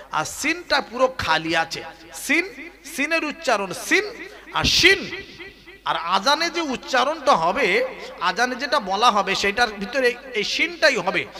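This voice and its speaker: A man preaching a sermon, chanting in a melodic way that swings between soft talk and crying shouts. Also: very high-pitched. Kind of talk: sung Bengali sermon.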